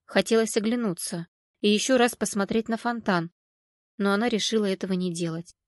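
A woman narrating an audiobook in an even, measured storytelling manner. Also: medium pitch, no room sound, studio quality. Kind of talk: scripted narration.

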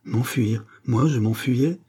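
A man's voice: mid-range voice, slow pace, dark tone, husky. A man voicing a young peasant woman who teases and then falters. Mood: flustered.

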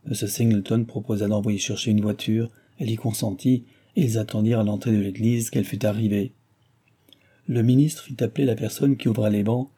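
A man narrating a classic novel in a steady, measured way. His voice is dark and husky, and sits somewhat low. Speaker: audiobook reader.

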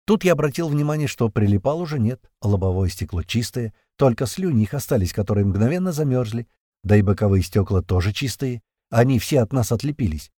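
A man narrating a tense first-person audiobook, with swearing and lively storytelling. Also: medium pitch, a little fast, no echo, studio quality.

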